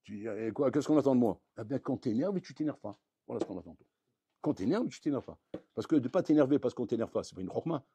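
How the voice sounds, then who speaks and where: A man, a rabbi, giving a lively Torah lesson, acting out little dialogues and swinging between loud outbursts and quiet asides. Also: mid-range voice, fast talker, highs cut off, a little hiss or hum. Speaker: rabbi teaching a Torah class.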